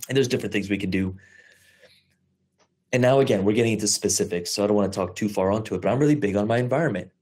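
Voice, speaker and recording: A man in his thirties gives a motivational talk on an investor call. His voice sits a little low. He is animated and casual, swears now and then, and rushes some phrases while stretching others out for emphasis. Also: husky. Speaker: host of investor mindset call.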